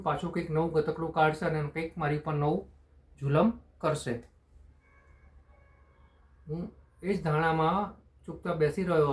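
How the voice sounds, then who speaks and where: Man telling a story, slightly high voice. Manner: slow, unpolished first-person storytelling with restarts. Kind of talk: spoken short story narration.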